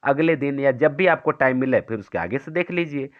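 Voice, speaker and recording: A man teaching a Hindi poetry lesson for exam students, explaining step by step and asking and answering his own questions, and reciting verse slowly. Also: mid-range voice, lively intonation, highs cut off.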